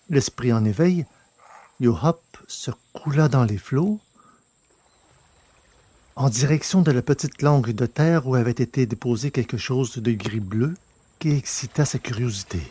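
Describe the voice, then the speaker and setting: Reading scripted fiction as an audiobook narrator, a man speaks in a mellow, medium-pitched voice with a slight huskiness.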